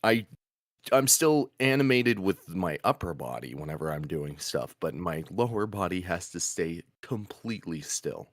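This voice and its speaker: A man from Oklahoma, USA, with a very deep voice, a voice actor and show host, talks shop in loose, casual chat at a normal pace. He rambles, restarts and laughs, sounding animated. His padded recording booth keeps the sound dry and close, with no echo or room sound.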